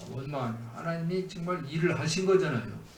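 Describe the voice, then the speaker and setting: A man's voice: fairly high pitch, lively intonation, quick pace, reverberant, far from the mic, a little hiss or hum. A man preaching a sermon as pastor, asking the congregation questions as he teaches. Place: church sanctuary.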